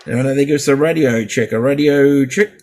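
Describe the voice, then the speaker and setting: A middle-aged Australian man of average pitch talks a little fast during a casual, hands-on radio equipment demo for his hobbyist vlog. He's chatty and rambling, going over test counts again and again. The home recording has noticeable background noise.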